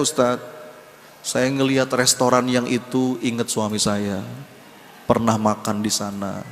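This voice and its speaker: A male preacher voicing a grieving widowed woman who pleads softly and haltingly for strength. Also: mid-range voice, in a large hall, a little hiss or hum, lightly acted.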